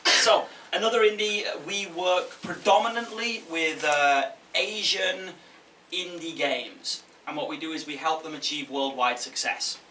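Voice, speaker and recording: A man gives an informal conference talk in a bright, forceful, slightly high voice. He is conversational and jokey, checking in with his listeners. The sound is roomy and distant from the microphone. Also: steady tone, a little slow. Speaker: game publisher giving a talk. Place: indoor event room with audience. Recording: echoey room from afar, faint noise.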